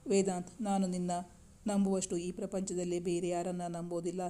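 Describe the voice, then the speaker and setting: A woman's voice: lowish voice, monotone, normal speed, warm tone, close to an everyday voice. A woman voicing an anxious young woman. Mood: pleading. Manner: hesitant, pleading. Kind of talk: storybook dialogue reading.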